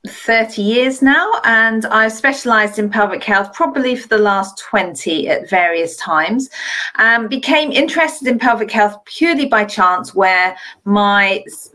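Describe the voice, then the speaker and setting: A woman's voice: mid-range voice, fairly bright tone. A middle-aged British woman talking conversationally as an interview guest, a health professional describing her work. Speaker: guest, pelvic health physiotherapist.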